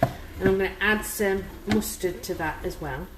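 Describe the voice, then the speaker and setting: A woman's voice: medium pitch, normal speed. An English woman chatting casually and cheekily to live viewers as a home cooking show host. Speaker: home cook hosting a live cooking stream. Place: indoors in a home kitchen. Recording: noisy home recording with background ambience.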